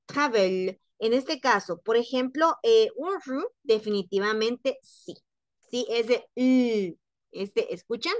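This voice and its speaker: A woman's voice: a little high, dry recording. Patient woman teaching French sounds. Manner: patient, repeats sounds slowly to demonstrate. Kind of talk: online phonetics lesson.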